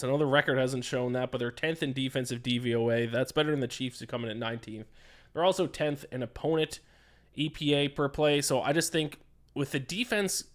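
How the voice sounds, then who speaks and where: A worn-out young man talks through his sports betting picks in a loose solo podcast. His voice sits at an ordinary middle pitch. He drifts and gets sidetracked, and his talk is full of "uh" and "um.". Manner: rambling, distracted, frequent "uh" and "um". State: tired, yawning. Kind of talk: casual solo podcast commentary.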